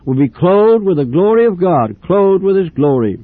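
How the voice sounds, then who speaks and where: An older man preaching a fervent sermon with repeated, drawn-out phrases. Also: sits high, big pitch swings, no room sound. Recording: tinny old radio broadcast.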